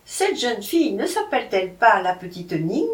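A woman's voice: mid-range voice, very animated, moderate pace, natural voice. Ask: a woman doing a grave male storyteller. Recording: roomy, from a distance.

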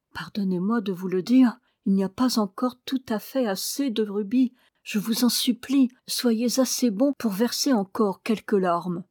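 A woman's voice: medium pitch, warm tone, no echo, natural voice. Earnest, pleading young man, voiced by a woman narrator; storybook reading, dry sound. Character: lovesick young man, weak but hopeful.

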